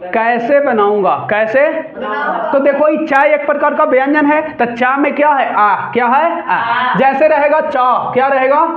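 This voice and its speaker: A man with a Bihari Hindi accent lectures a class on grammar, firing short questions and repeating each sound so the students answer back. His voice sits very high for a man, and it rings through an echoey classroom. The sound is thin and tinny, like a phone line. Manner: constant call-and-response questioning, repeating key sounds. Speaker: teacher.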